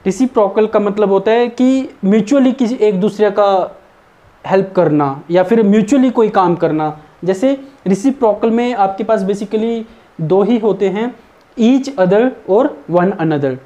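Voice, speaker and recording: Man, grammar teacher, slow deliberate delivery, warm dark tone. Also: high voice, muffled recording. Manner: slow, deliberate delivery of English example sentences. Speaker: English teacher. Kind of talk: exam-prep grammar lesson.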